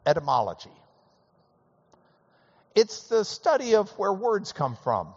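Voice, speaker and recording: Animated man teaching Bible class. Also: fairly high pitch, husky. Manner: animated, conversational, folksy asides. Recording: reverberant hall, dull lo-fi sound.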